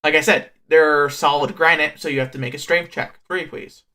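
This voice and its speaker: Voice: medium pitch, steady tone, normal speed, bright, forceful tone. A game master talking through a voice changer, running a tabletop game and asking players for dice checks. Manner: instructive, asks for dice checks.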